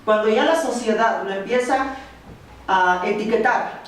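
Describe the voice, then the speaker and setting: A woman giving a lecture to an audience, speaking slowly and emphatically as she lists one point after another. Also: fairly high pitch. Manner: slow, emphatic delivery of long lists. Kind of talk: motivational lecture. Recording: very echoey hall, from far off.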